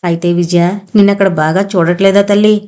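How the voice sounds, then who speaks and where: A woman voicing a frail, ailing older mother who speaks softly and tenderly, in a storybook reading. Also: fairly low pitch, steady tone, brisk, lightly acted. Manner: soft, tired and tender.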